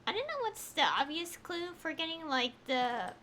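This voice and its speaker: This female game streamer has a high, very animated voice that sounds pushed and bright, moving at a moderate pace. Video game music plays behind her, with slight background noise, as she rambles casually through livestream commentary and thinks out loud while playing.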